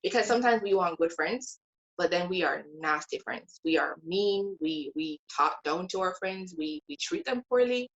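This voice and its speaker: In a casual faith conversation, a woman guest shares her Bible study earnestly and with emphasis, stretching out key words like a teacher. Her voice sits on the low side, animated and fairly bright, at a normal speed, and the audio is dull.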